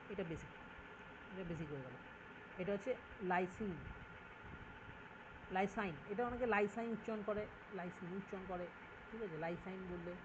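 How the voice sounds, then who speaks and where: A tutor talks through a lesson in a relaxed, informal way, slipping English terms into the explanation and pausing often to check that the student follows. The voice sits in a middle register, and the recording is muffled and lo-fi with a clear layer of background noise. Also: medium pitch. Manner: explains step by step, often checks with "ঠিক আছে?"; addresses the student informally and thinks aloud. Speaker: chemistry tutor.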